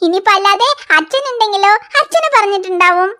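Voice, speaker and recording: A woman's voice: very high-pitched, animated, fast talker, pushed and bright, full character voice. A woman voicing a patient, teasing young mother in a cartoon, soothing and coaxing. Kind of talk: cartoon voice acting.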